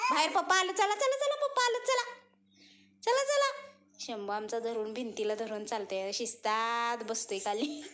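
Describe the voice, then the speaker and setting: A young woman from Maharashtra, a mother filming her baby near the cows, cooing at him in high sing-song baby talk and murmuring plainer asides to her viewers. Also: fairly bright tone. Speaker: vlogger mother. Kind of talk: home vlog talking to her baby and viewers. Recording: noisy home phone recording.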